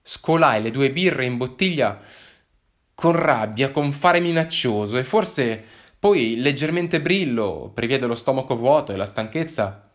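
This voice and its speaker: A man narrating a first-person story in a wry, measured, expressive way. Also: medium pitch.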